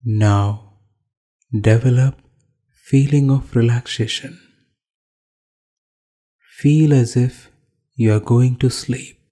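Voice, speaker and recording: A yoga instructor with an Indian accent leads a guided meditation in a medium-pitched voice, calmly giving short instructions and pausing between phrases.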